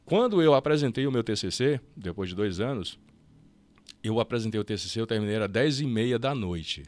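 A Brazilian man telling his story as a podcast guest, lively and quick, with fast restarts and acted-out bits of dialogue. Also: on the low side. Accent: Brazilian Portuguese. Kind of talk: casual storytelling interview.

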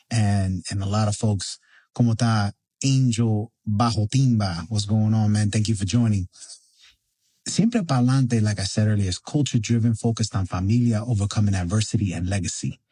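A man's voice: lowish voice, mellow, husky. A man hosting a podcast in casual live chat, informally slipping Spanish phrases into his English. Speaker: podcast host.

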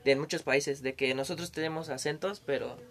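A man's voice: a little high, steady tone, a little fast, crowd noise. Laughing Mexico City man in a chat. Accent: Mexico City Spanish. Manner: laughs often, loose and rambling. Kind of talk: casual chat.

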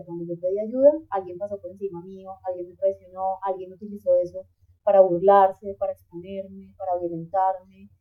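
A woman, a podcast guest, giving earnest, reflective advice in a conversational way and acting out quoted examples. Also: mid-range voice. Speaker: podcast guest, migrant coach. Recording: tinny phone-like line.

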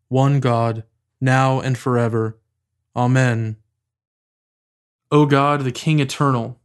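A man's voice: medium pitch, clean tone. Evenly spoken man reciting liturgy. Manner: solemn, measured reading. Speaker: officiant leading daily prayer. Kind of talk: liturgical recitation of prayers and scripture.

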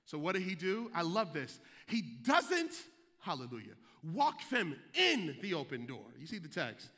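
A pastor preaching a sermon with passion, moving from hushed tones to shouts, with rhythmic repetition, interjected hallelujahs and joking asides. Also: male voice, a little high, wildly swooping pitch, unhurried. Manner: casual, joking asides to the congregation. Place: church sanctuary. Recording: long hall reverb.

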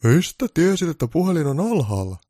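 A man's voice: fairly high pitch, very animated, mellow, dry recording, studio quality, voice pushed up. A man voicing a grumpy old Santa Claus with bellowing, blustery threats, in a comic storybook reading. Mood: gruff.

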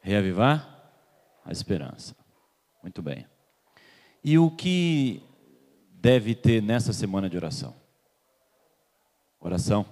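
In a long-reverberating church hall, a man from Salvador, Bahia, Brazil, delivers a sermon, questioning the congregation and waiting to hear back. His darkish voice sits on the low side and is sing-song and slow, with frequent pauses.

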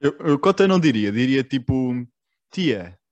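A man's voice: mid-range voice, sing-song, normal speed, darkish tone, no echo, highs cut off. Informal Portuguese male interviewer, close dry sound. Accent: European Portuguese. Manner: informal, slangy, repeats short agreements. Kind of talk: casual interview chat.

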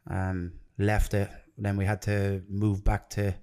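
This is a man in his thirties with an Irish accent, a jiu-jitsu coach with ties to Ireland and London, appearing as a podcast guest. He chats casually and earnestly, rambling a little, in a fairly low, monotone, darkish voice and at a slow pace.

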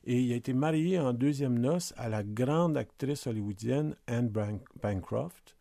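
A man's voice: medium pitch, measured pace, gravelly, mellow, no room sound, studio quality. A man with a Quebec French accent co-hosting a podcast, talking casually about films with many restarts and fillers. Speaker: podcast co-host. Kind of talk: casual film discussion.

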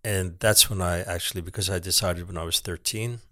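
A man's voice: sits low, steady tone, a little fast, sharp tone, no echo, studio quality. A man, a sculptor being interviewed on a podcast, talking reflectively with many restarts. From United States. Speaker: guest, sculptor. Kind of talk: casual podcast conversation.

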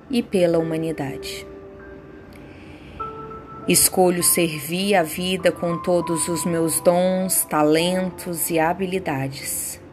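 A woman guiding a meditation with affirmations in a soothing, unhurried way, leaving pauses between phrases. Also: lowish voice. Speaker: meditation guide. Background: soft background music.

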